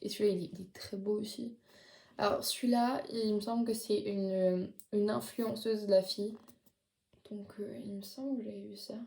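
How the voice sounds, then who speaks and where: A teenage girl talks through her haul in a loose, chatty way, leaning on casual fillers as she goes. Her voice is mellow and relaxed. The room around her rings with noticeable echo. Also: medium pitch, normal speed, vocal fry. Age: late teens. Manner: chatty, many fillers like "genre" and "du coup". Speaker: vlogger. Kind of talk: casual haul video chat. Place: her bedroom.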